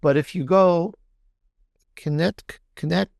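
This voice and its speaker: A guest author gives a conversational video interview in front of a book backdrop, explaining things in an enthusiastic, rambling way. His voice is a little high, slow, creaky and darkish, with clean studio sound and no echo.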